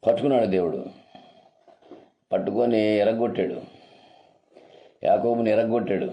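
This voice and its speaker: A man's voice: low-pitched, dull audio. A male pastor preaching a sermon, emphatic and repetitive, with rhetorical questions put to his listeners.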